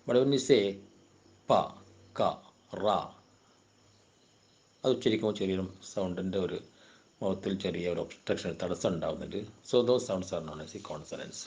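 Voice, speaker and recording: A man with a Kerala accent giving an exam question-and-answer lecture on linguistics. He reads English definitions slowly, then explains them in quicker Malayalam asides. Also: low voice, a little mellow. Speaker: university lecturer.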